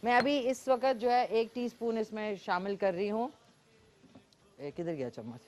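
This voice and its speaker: A woman's voice: medium pitch, moderate pace. Woman, Pakistani Urdu accent, cooking show host, talks while cooking, faint noise. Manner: chatty, talks while cooking, frequent fillers. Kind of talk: live cooking demonstration with callers.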